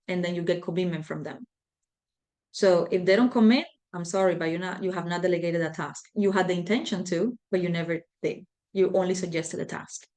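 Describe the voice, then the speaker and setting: A woman's voice: lowish voice, darkish tone. A woman leading a leadership training class, talking loosely with many fillers and restarts. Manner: conversational, filler-heavy, repeats herself. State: out of breath. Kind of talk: live online class.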